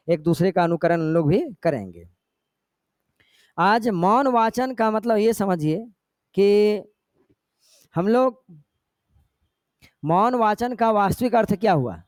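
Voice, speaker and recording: A man's voice: high-pitched, a little mellow, dry recording, studio quality. A male teacher giving a classroom lecture, explaining step by step and often checking in with his students. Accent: Jharkhand Hindi.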